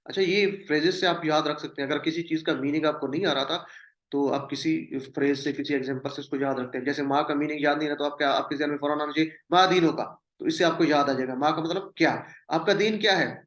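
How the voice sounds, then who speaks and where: A patient male teacher with a slightly high voice, repeating each word and its meaning so students can drill along. He slips English terms into his explanation, and his voice rings in an echoey room. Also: steady tone, fairly bright tone. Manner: mixes English words into the explanation. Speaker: Quranic Arabic teacher. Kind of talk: classroom lesson.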